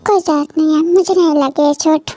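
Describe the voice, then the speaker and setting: A woman's voice: high-pitched, fairly even intonation, brisk, pitched below the performer's own voice, lightly acted. A woman voicing a jealous, short-tempered young man who answers curtly and sarcastically, in a storybook reading. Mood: sulky. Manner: curt, sulky and sarcastic. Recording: faint music underneath. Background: soft background music.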